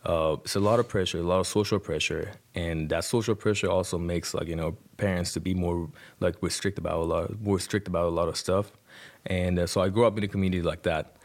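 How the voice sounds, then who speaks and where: A low-voiced man in his twenties from Iran, a rapper appearing as a podcast guest, tells his personal story at a quick clip with fairly even intonation. Persian is his first language and he has an Iranian accent. His talk is colloquial and conversational, sprinkled with "like" and "you know."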